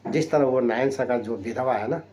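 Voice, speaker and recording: A man's voice: medium pitch, moderate pace, darkish tone, slight background noise. A man preaching a sermon in a storytelling way, often checking in with tag questions and swinging his voice up and down for emphasis. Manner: rising and dropping sharply for emphasis, frequent tag questions.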